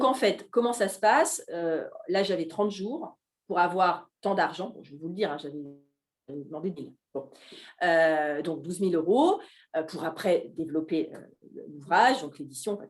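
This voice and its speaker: A woman's voice: fairly low pitch, moderate pace. A middle-aged woman from Alsace, a guest chef chatting animatedly at a live café talk, with frequent hesitations. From Alsace, France. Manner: animated, hesitant with many fillers.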